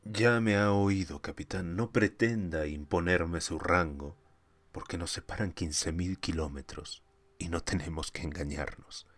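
A man's voice: low-pitched, a little slow. A man voicing a defiant male crewman who talks in a taunting, scornful, insolent manner.

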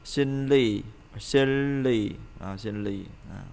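Slow, clear-voiced male language teacher. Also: medium pitch, a little mellow. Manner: repeats example words slowly for drilling; explanatory with frequent hesitation fillers. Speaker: Korean pronunciation teacher. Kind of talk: pronunciation lesson.

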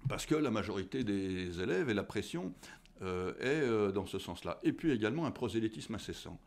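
Recorded in an office with a tall window on a desk studio mic, a guest history teacher in his sixties speaks with a lowish voice and lively intonation. He answers at a measured pace, often using fillers and starting over.

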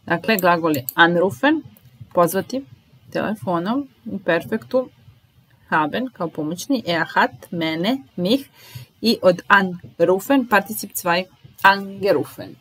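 Slow, careful woman teaching. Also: lowish voice, animated, fairly bright tone, breathy edge, rough recording. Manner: slow, careful, repeats each phrase. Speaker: German teacher. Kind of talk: language lesson, explaining in Serbian.

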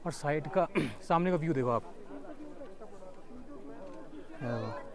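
Walking through a bustling town market outdoors, a young man vlogs about his travels on a clip-on mic, chatting casually and dropping in English words. His slightly high, darkish voice is animated and moves at a normal speed, with some chatter audible behind him.

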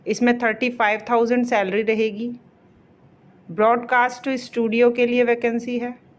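A woman explaining a job vacancy notice in a casual walkthrough, pausing on fillers and reading official names slowly. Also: a little high, level tone. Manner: explanatory, repeats fillers and pauses mid-phrase; reads English names slowly, word by word.

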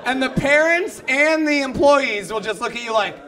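A man in his thirties doing a stand-up comedy set in a club, ranting and breaking into yelled outbursts. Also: very high voice, expressive, normal speed, a crowd in the background, noisy background. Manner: ranting, yells in acted outbursts. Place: comedy club stage with live audience. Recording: live club recording, audience laughter.

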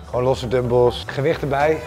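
A man's voice: medium pitch, fairly even intonation, normal speed, a little mellow, soft background music. A man in his thirties leading a gym workout, teasing and giving short instructions. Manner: laid-back, teasing, gives short instructions. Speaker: guest, workout leader. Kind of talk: casual gym chat. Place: large indoor gym.

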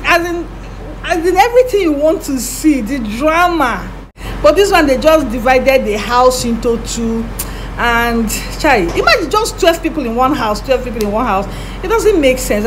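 A woman's voice: a little high, background noise. A young Nigerian woman with a Nigerian accent, chatting to camera in her living room, repeating herself for emphasis and dropping in Pidgin phrases. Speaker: vlogger. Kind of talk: casual chat to camera. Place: living room at home, indoors.

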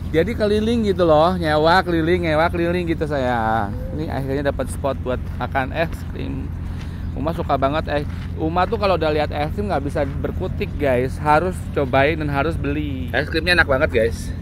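A man's voice: a little high, normal speed, noisy background. A man in his thirties chatting to viewers in a casual travel vlog, filming himself at arm's length outdoors at a rest stop. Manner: chatty, addresses viewers as guys. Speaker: vlogger. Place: outdoors at a roadside rest area. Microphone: handheld camera at arm's length.

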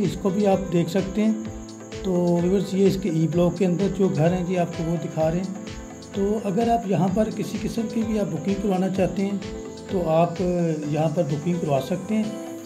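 A man narrating a walking property tour outdoors, reeling off prices and repeatedly addressing viewers. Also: sits high. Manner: repetitive, reels off prices, frequent "viewers" and "ji". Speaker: property dealer giving a site tour. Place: outdoors in a housing development.

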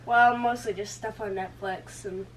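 A young woman, a daughter getting over a fever, talking softly and quietly from her bedroom. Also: fairly even intonation, measured pace, poor audio. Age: young adult. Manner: soft, low-energy, quiet. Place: bedroom, indoors.

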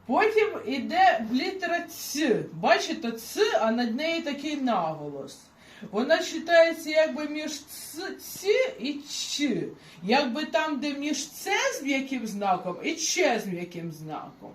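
Slow, lively woman teaching a lesson. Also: high voice, roomy sound, a little hiss or hum. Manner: slow, patient explaining with examples. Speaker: Polish language teacher. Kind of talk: beginner language lesson.

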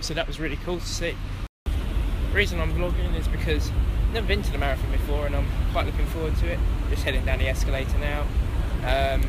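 A young man chatting casually to his phone as a vlogger, held at arm's length. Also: a little high. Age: young adult. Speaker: vlogger, volunteer marathon marshal. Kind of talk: casual vlog chat. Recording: handheld phone, noisy street and traffic.

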